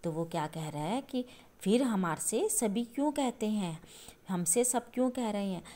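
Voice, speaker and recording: A woman's voice: mid-range voice, expressive, normal speed, mellow. A woman teacher explaining a poem to young children, repeating each point patiently and often stopping to check that they follow. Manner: patient, repetitive explaining with frequent checking asides; addresses listeners as children. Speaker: schoolteacher.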